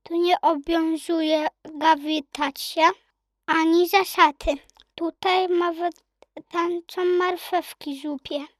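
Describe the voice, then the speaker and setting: A woman's voice: very high-pitched, steady tone, slow, no room sound, clean studio sound. A woman voicing a dashing, courtly male cat with a French accent in a children's audiobook. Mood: gallant. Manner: courtly, grandiose.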